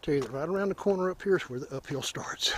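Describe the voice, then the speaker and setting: A man's voice: on the high side, quick pace, a little hiss or hum. A man filming himself on a wooded trail, out of breath and chatting as he points things out along the way. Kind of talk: casual narration while hiking. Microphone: handheld camera.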